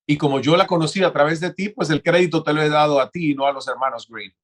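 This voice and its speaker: A man's voice: on the high side, fast talker, a bit bright. A man hosting an interview, asking questions and praising his guest's ideas. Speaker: interviewer host. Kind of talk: interview conversation.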